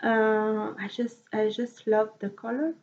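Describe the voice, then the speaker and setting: A woman's voice: on the high side, level tone, vocal fry. A woman with a French accent, a native French speaker, chatting casually about her knitting projects and often repeating words as she searches for them. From France. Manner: halting, repeats words, soft laughs. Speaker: knitting podcaster. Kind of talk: casual chat. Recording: dull lo-fi sound.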